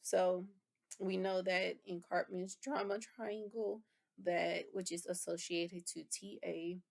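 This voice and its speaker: Woman, instructor, lecture review, low gravelly voice, flat delivery. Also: takes it slowly. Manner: explanatory, rephrases terms with fillers.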